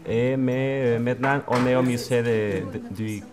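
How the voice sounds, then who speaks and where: A young man from Mexico, a Spanish speaker, introducing himself in hesitant French with many pauses and fillers. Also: medium pitch, steady tone, a crowd in the background. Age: young adult. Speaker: student visitor. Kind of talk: casual self-introduction to camera.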